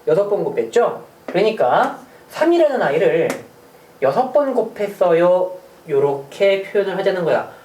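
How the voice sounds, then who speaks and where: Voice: medium pitch, very animated, normal speed, a little mellow, a little hiss or hum. A middle school math teacher giving a recorded lecture, chatty, asking rhetorical questions and cracking small jokes. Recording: roomy sound from a distant mic.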